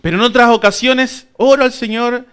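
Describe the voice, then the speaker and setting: A man's voice: very high voice, steady tone, moderate pace, smooth. A man teaching a Bible class at church, earnestly addressing his listeners as brothers and often checking in with them. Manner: keeps calling listeners "brothers" and asking "right?"; earnest, uneven emphasis between soft asides and raised points.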